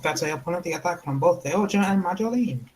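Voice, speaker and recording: A man's voice: high voice, fast, a little mellow, a little hiss or hum, poor audio. A man running a tabletop game as game master, narrating the fight and adding spoken sound effects.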